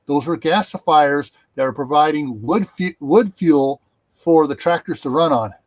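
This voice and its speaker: A man's voice: fairly high pitch, a little slow, no room sound, muffled recording. A man hosting a casual livestream, rambling with many fillers and restarts, speaking over a video call. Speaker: livestream host.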